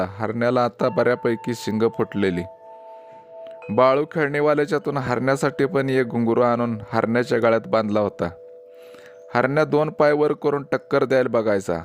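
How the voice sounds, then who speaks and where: Male storyteller narrating a village tale. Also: mid-range voice. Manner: unhurried rural storytelling with dialogue.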